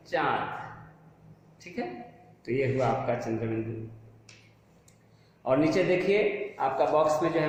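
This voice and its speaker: A man's voice: fairly high pitch, a little hiss or hum. A male teacher giving a grammar lesson to young pupils, asking questions and answering them himself, repeating key words and drawing them out. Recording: echoey room with long reverb.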